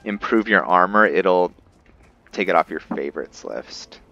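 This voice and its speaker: A low-pitched man speaks unhurriedly, his voice pushed and bright, as he hosts a roleplay game session and commentates casually in a musing, hesitant way. The dull narrow-band mic picks him up over faint game music.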